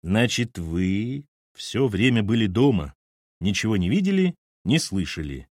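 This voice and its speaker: A man voicing a gruff middle-aged police captain who asks blunt questions in an audiobook. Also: lowish voice, very animated, a little slow, darkish tone, no room sound, studio quality. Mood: probing, irritated.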